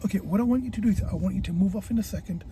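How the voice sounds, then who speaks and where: A man's voice: sits high, racing, mellow. A man working as a driving instructor, guiding a learner step by step in an encouraging way inside a car. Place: inside a car being driven. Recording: clear car noise. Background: car engine and road noise.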